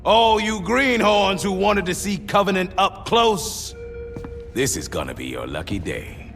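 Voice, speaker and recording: A swaggering marine drill sergeant. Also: male voice, high-pitched, sing-song, measured pace, big-room sound, soft background music, exaggerated voice. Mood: rallying troops. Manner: barking, bravado, shouted orders. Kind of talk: video game cutscene acting.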